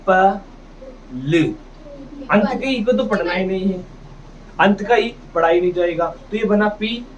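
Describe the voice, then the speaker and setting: A man's voice: on the high side, darkish tone. A man teaching English reading in a classroom, sounding out words and quizzing his students with his own questions. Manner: drills pronunciation, asks and answers his own questions. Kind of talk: classroom phonics lesson. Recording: distant dull mic with faint noise.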